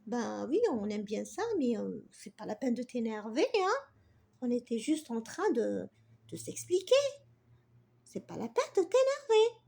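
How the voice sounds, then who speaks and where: A woman's voice: very high voice, sing-song, moderate pace. A woman voicing a young girl, the older sister, hesitant and sensible, with fillers.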